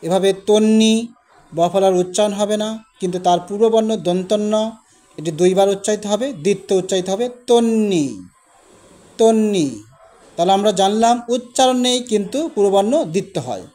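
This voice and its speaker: A man with a high voice and a Bangladeshi Bengali accent leads a grammar lesson. He explains one rule at a time and repeats each example word slowly. His tone stays patient and methodical. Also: steady tone, warm tone. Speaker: teacher.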